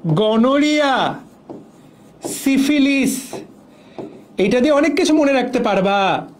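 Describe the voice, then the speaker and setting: A man's voice: very high voice, expressive, slow, slight background noise. A young man from Bangladesh teaching a biology exam-prep class, drilling memory tricks through repetition. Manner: playful, drills mnemonics with repetition. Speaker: biology lecturer.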